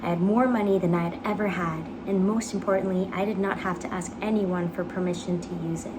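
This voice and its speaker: Clear background noise surrounds a young woman with a fairly low voice. She reads a personal essay aloud as a dramatic piece. Her phrasing is earnest, measured and careful. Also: fairly even intonation. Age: young adult. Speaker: actor reading own application essay. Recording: clearly noisy background ambience.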